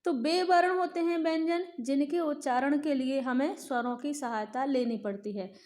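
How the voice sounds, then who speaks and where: A woman teaching a grammar lesson to children, speaking slowly and clearly and repeating lists of sounds for her pupils. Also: high-pitched, darkish tone. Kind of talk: classroom lesson.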